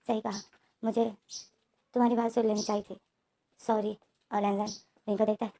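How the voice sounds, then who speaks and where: A woman's voice: fairly high pitch, creaky, warm tone. A woman casually retelling a romance story, narrating the plot and speaking the characters' lines in her own voice. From India.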